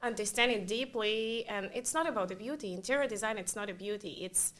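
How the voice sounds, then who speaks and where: Speaking with a mid-range, slightly bright voice, this woman is a Russian-native designer guesting in a relaxed interview. Her phrasing is non-native, and she stops at times to find the right words.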